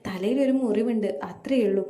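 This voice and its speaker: Woman reading a calm, injured young husband. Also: on the high side, brisk, reverberant, lightly acted. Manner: calm reassuring explanation.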